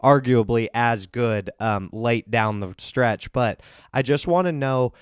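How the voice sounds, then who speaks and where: A man's voice: mid-range voice, takes it slowly, clear, resonant tone, no room sound, studio quality. A man hosting a casual sports podcast, building hype with upbeat banter as he interviews league members. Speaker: podcast host and league commissioner.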